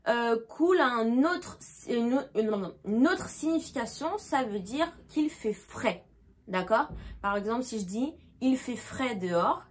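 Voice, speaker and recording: A woman teaching English vocabulary, who repeats each example, translates it and checks with "d'accord?". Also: fairly high pitch. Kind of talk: explaining grammar.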